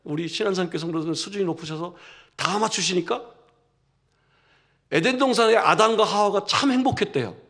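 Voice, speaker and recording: Male pastor, animated preaching, gravelly tone, rhetorical questions. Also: high voice, a little fast, long pauses. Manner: humorous asides. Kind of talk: sermon.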